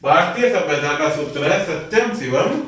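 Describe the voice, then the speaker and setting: Brief: male teacher, fairly high voice, fond classroom manner, set back from the mic in a very echoey room. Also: animated, moderate pace, fairly bright tone, distant mic. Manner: addresses pupils fondly, asks and answers own questions. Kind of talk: grammar lesson explanation.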